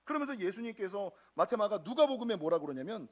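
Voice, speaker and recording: A man's voice: high voice, fast. A middle-aged male pastor preaching a sermon, addressing the congregation directly and acting out quoted voices. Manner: animated, acts out quoted voices.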